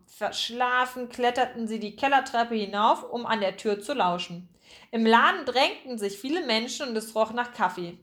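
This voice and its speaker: A woman reads a children's audiobook aloud. Her narration is clear and expressive, and her voice sits on the high side.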